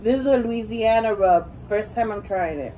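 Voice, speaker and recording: A woman's voice: medium pitch, moderate pace, warm tone, a little hiss or hum, poor audio. A young woman co-hosting an eating video, speaking animatedly and addressing viewers directly. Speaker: co-host. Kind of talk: casual mukbang chat.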